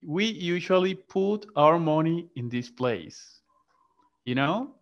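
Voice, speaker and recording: A man's voice: fairly high pitch, expressive, takes it slowly. A man teaching an online English class in Spanish and English, patiently repeating vocabulary and calling on students. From Latin America. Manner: patient, repeats and drills words aloud. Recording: muffled online class audio.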